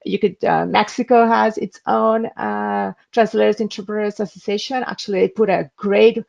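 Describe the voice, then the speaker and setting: An interpreter from Spain leads an instructional webinar with a screen demo, her gravelly voice steady and darkish, at medium pitch and normal speed. She comes across as earnest and advisory despite frequent hesitations, and the recording sounds dull and lo-fi.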